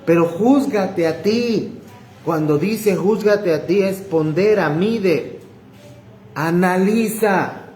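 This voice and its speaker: A man's voice: sits high, slow, darkish tone, roomy sound, rough recording. A man pastor, preaching emphatically and talking straight to the congregation. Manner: emphatic, repetitive, addresses listeners as brother. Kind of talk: sermon. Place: church hall.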